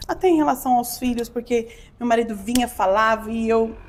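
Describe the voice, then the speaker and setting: A woman's voice: fairly high pitch, brisk, slight background noise. A Brazilian woman giving an emotional podcast testimony, acting out her own quotes as she tells the story. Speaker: podcast guest.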